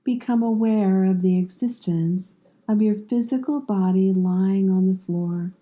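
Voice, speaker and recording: A yoga nidra instructor guides a meditation, her mid-range female voice offering calm, soothing instructions in measured phrases separated by long pauses.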